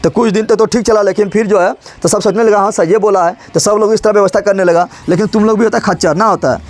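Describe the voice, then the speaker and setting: A man's voice: sits high, steady tone, fast talker. A male teacher gives a colloquial, joking history lesson, asking rhetorical questions and repeating key terms. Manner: colloquial and joking, slips into regional dialect. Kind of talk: animated classroom lecture.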